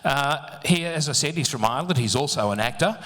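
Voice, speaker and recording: Male MC, bright-ish voice, cracks jokes with the crowd, live hall echo. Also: a little high, lively intonation, a little fast. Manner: jokey asides to the audience. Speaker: event MC. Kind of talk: live stage introductions. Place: live event venue. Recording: echoey hall sound.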